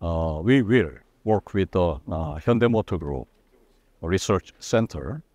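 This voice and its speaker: A man in his sixties, a Korean native speaker, answering interview questions in English with a Korean accent, measured and formal, pausing often with fillers. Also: low voice, animated, darkish tone, no echo. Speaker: defense company executive.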